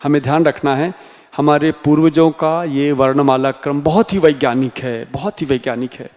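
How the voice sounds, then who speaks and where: A man teaching a Hindi class in a slow, deliberate way with a Rajasthani accent, sounding out each letter one by one. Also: on the high side, fairly even intonation, darkish tone. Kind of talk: classroom lecture. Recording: reverberant room sound.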